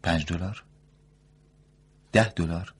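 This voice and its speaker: A man doing a cold, calm, unblinking woman. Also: low-pitched, slightly rough. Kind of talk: audiobook story reading.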